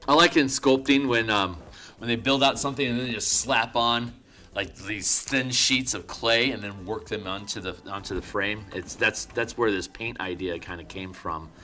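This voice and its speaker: A man with a lowish voice that still carries a bright, forceful edge. He streams while painting, thinking aloud in quiet self-directed murmurs, then turns to viewers with loose, rambling asides full of restarts. Faint music plays softly behind him. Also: moderate pace. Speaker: artist streaming his work. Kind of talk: casual livestream chat while painting.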